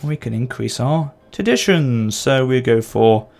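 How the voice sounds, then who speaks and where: This man hosts a gameplay channel and talks through a strategy game casually, thinking aloud and fixing his own mistakes. A sore throat and occasional coughs roughen his medium-pitched, darkish voice, which is animated, measured, and edged with vocal fry.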